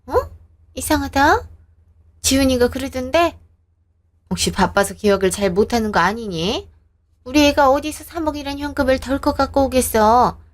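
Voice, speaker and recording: A woman voicing an older countryside mother-in-law who speaks in a slow, sweetly presumptuous, coaxing way. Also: high-pitched, voice pushed up, lightly acted. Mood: coaxing pleased.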